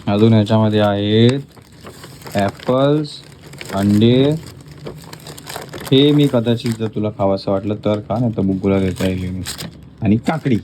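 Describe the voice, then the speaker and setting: A man's voice: on the low side, moderate pace, dark tone, slight background noise. A man vlogging about his family, talking to viewers while firmly coaxing and teaching his small child at mealtime. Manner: coaxing and firm, teaching a toddler.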